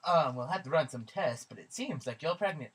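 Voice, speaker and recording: A woman voicing a calm, matter-of-fact doctor in a goofy sock puppet comedy. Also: low-pitched, fairly quick, breathy edge, recorded from a distance. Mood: blunt.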